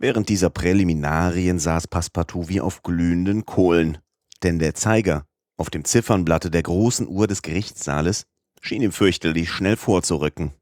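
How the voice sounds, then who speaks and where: Deep-voiced male audiobook narrator. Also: normal speed, a little mellow, no echo, clean studio sound.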